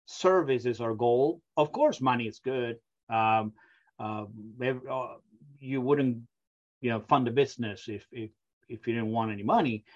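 In a remote interview, a middle-aged Argentine man who founded a software company speaks with an Argentine Spanish accent, hesitating often and filling gaps with lots of ums and uhs. His pitch is medium, his pace measured, and the recording sounds muffled.

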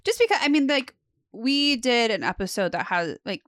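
A woman's voice: a little high, expressive, normal speed, a bit bright, dry recording, studio quality. An American woman with a Valley Girl accent chatting casually as a podcast co-host, sprinkling her talk with "like". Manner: Valley Girl way of talking, peppered with "like". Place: small closet, in person.

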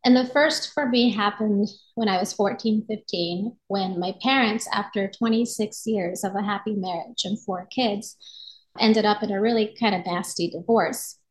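This middle-aged woman, originally from Japan but speaking with an American accent, shares her life story in an earnest, articulate and reflective manner as an interview guest. She teaches yoga and meditation and is on a podcast. Her voice is medium in pitch at a moderate pace, and the room adds echo.

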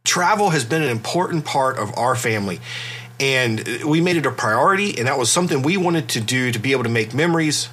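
A middle-aged man hosting a podcast in a relaxed, conversational way, his voice congested and stuffy from a cold. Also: medium pitch, a little fast. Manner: relaxed, conversational, with fillers and restarts. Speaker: podcast host. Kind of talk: casual podcast talk.

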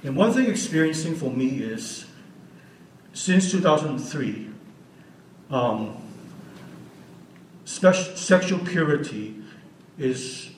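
A man's voice: a little high, sing-song, slow pace, long pauses, a little hiss or hum. A man of sixty giving an unscripted church teaching as a guest speaker, earnest and often asking the audience questions. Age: 60s. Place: church hall. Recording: roomy hall audio from a distance.

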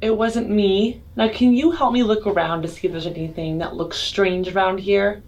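A woman's voice: medium pitch, steady tone, normal speed, darkish tone, low-quality recording. Eager woman playing a tabletop game. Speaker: player. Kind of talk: tabletop role-play chat.

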